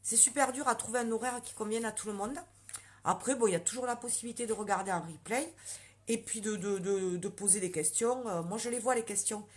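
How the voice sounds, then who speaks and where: Speaking briskly in a mid-range voice, this woman hosts a makeup live stream, chatting in a relaxed way and responding to viewers' comments. She comes from Lot and carries a southwestern French accent.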